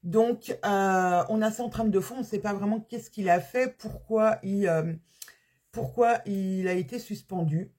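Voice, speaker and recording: A woman's voice: medium pitch, unhurried, a little mellow. A woman chatting casually about her weekly reading, hesitant and often correcting herself. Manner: hesitant, many fillers and restarts, self-correcting. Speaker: book podcaster. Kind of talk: casual book review chat.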